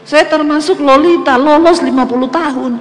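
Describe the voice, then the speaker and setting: A woman's voice: sits high, normal speed. A woman in her fifties, a pastor, preaching a sermon as a personal testimony and acting out the voices in her story. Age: 50s. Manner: animated storytelling, acts out dialogue. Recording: long hall reverb, faint ambience.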